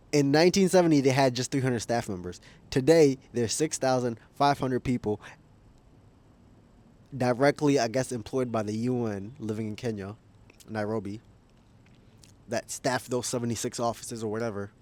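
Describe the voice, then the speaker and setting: With a mid-range, darkish voice, this man rambles through a casual opinion vlog as a YouTuber, frequently chuckling while he thinks aloud and corrects himself.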